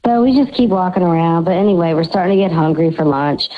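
A man's voice: on the high side, fast. An anonymous male caller whose voice is disguised by a voice changer, casually telling a story on a call-in show. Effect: voice changer disguising his voice. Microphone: phone. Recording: dull phone line.

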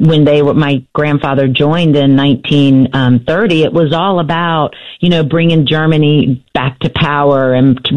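A middle-aged woman, an author and radio guest, telling her family story hesitantly with many fillers and restarts, heard through a dull lo-fi AM radio sound. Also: sits low. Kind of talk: radio interview, personal storytelling.

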